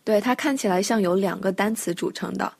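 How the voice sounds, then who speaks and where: A woman's voice: mid-range voice, fairly quick, no echo. Dry-voiced woman teaching English words. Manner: clear, patient, spells words out letter by letter. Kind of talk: podcast English lesson for Chinese learners.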